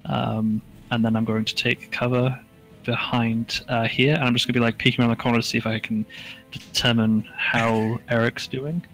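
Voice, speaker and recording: A man plays a tabletop game, describing his character's moves in a mid-pitched voice. He talks in halting phrases full of fillers and little chuckles. Faint music runs behind him. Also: level tone, fairly bright tone, poor audio. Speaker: player. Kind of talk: casual game chat.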